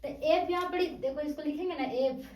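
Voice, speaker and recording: A woman's voice: high voice, moderate pace, a little mellow, a little hiss or hum. A woman tutor giving a classroom grammar lesson, quizzing her students with repeated questions. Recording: echoey room.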